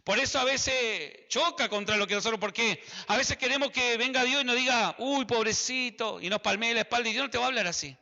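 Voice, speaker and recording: A man's voice: very high voice, quick pace, few pauses, sharp tone, big-room sound, dull audio. A man with an Argentine accent preaching a sermon, emphatic and repetitive, speaking straight to his listeners. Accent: Argentine Spanish. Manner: emphatic, repeats phrases, addresses listeners directly.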